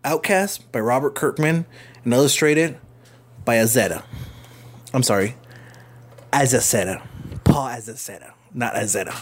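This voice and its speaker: Guy rambling about a comic he likes, lots of ums and restarts, mid-pitched voice. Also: expressive, normal speed. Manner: rambling, many fillers and restarts. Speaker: comic book reviewer. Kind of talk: casual review vlog.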